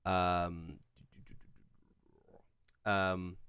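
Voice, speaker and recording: A man's voice: deep voice, little pitch movement, extremely slow, fairly bright tone, clear, resonant tone, no echo. A young man with an English accent from Kent, chatting casually on a live stream as he reads and answers viewer questions, rambling with plenty of fillers and restarts. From England.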